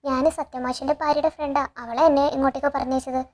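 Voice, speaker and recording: A woman's voice: high-pitched, level tone, quick pace, a little mellow, lightly acted. A woman voicing a scheming young woman who persuades a family with money. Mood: persuasive.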